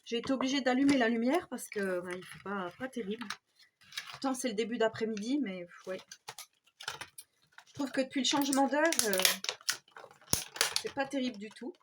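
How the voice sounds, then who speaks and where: A woman's voice: fairly high pitch, normal speed, long pauses, very noisy. Chatty French woman, Haute-Marne accent. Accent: Haute-Marne French with Swiss border touches. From Haute-Marne, France. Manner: chatty, hesitant, often adds "hein". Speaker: craft YouTuber. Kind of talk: casual DIY tutorial talk.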